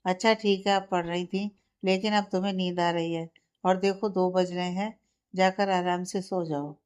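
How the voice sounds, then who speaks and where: A woman's voice: fairly low pitch, fairly even intonation, moderate pace, a little mellow, smooth, lightly acted. Storybook: exasperated, teasing young husband, read by a woman narrator. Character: young man, irritated but caring husband.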